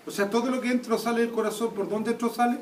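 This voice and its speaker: A man's voice: very high voice, fairly even intonation, rapid-fire. A man teaching an anatomy class, constantly quizzing students with check questions. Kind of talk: classroom lecture. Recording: echoey room, taped from a distance, faint noise.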